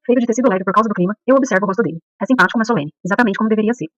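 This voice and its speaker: A woman narrating a first-person audiobook at a brisk, rushing pace. Her reading stays steady and even. The sound is muffled and very dry, with no room around it. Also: mid-range voice, no echo.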